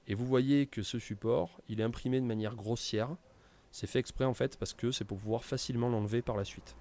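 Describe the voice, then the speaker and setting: A man walks through software settings in a casual tutorial, with many hesitations and fillers. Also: medium pitch. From France. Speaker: tutorial presenter. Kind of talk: screen-recorded software tutorial.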